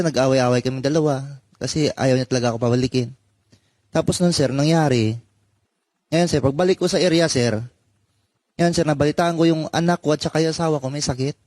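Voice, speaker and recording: A man's voice: medium pitch, a little mellow, dry recording. A man telling a personal story in a hesitant way, with many fillers and "sir" after almost every phrase. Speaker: former marine explaining his discharge. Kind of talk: halting personal testimony.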